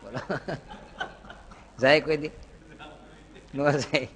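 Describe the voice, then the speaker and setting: A man's voice: fairly high pitch, fairly even intonation, extremely slow, fairly bright tone. A man giving a devotional sermon, asking rhetorical questions and telling folksy anecdotes. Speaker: spiritual teacher. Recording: long reverb in a hall.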